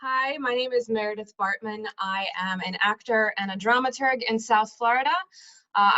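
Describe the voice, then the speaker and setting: A woman's voice: mid-range voice, pushed and bright, dry recording, dull audio. A woman, an actor and dramaturg, introducing herself and her piece before performing, in a friendly, straightforward manner.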